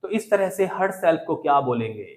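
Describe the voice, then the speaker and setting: Male English teacher with a slightly higher voice, quizzes his class and has them repeat phrases. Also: very animated, a little fast, a little mellow. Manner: drills a class with repeated questions. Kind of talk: classroom lesson in Hindi and English.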